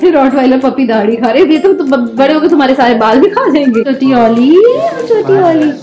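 Female vlog host, high-pitched, playful pet baby talk, music bed behind. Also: lively intonation, brisk. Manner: playful, coos and baby-talks to dogs. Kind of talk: casual vlog talk to camera and pets.

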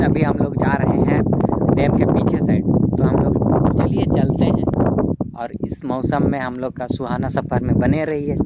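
A young man chats to his viewers on a casual vlog by a dam, speaking at a middle pitch. The sound is a little muffled and recorded on a phone, with loud wind blowing over it. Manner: chatty, addresses viewers directly. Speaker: vlog host. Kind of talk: casual outdoor vlog chat. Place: outdoors by a dam.

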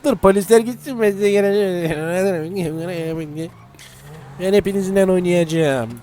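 A man giving high-energy gameplay commentary, excitable and prone to shouting at the game. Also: a little slow, a little hiss or hum. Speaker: gaming YouTuber.

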